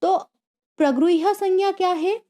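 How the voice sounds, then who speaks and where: A woman's voice: very high-pitched, normal speed, mellow. A woman teaching a grammar lesson, explaining patiently, repeating key terms and asking rhetorical questions. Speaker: Sanskrit teacher.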